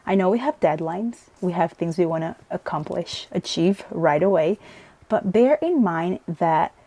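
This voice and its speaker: A Brazilian woman whose first language is Portuguese teaches English pronunciation in a relaxed, chatty video lesson, speaking with a light Brazilian accent. Her voice is fairly low and dark, a bit slow but lively in intonation. She laughs a lot and keeps checking in with "right?".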